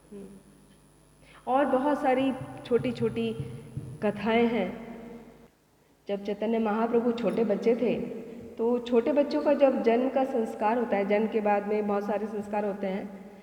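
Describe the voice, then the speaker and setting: Woman storyteller in an echoey hall. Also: a little high. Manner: asks rhetorical questions and answers them, with a lively storytelling lilt. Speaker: scripture teacher telling devotional stories. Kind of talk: devotional storytelling discourse. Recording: echoey hall with long reverb.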